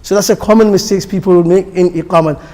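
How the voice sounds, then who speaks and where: A man with a high-pitched voice leads a pronunciation lesson for the call to prayer. He speaks patiently, repeating each point and demonstrating the sounds himself. His voice carries a long reverb from a large hall. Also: steady tone, fast talker, warm tone. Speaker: instructor teaching the call to prayer. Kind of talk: classroom instruction. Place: mosque hall.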